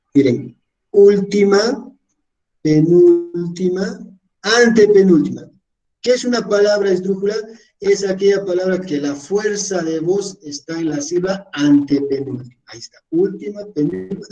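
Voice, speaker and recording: A man's voice: a little high, warm tone, distant mic, low-quality recording. A man teaching a class, explaining rules step by step and checking in with his listeners. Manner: explains step by step, repeats syllables, asks "¿no?". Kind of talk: online class lecture. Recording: voice from away from the mic.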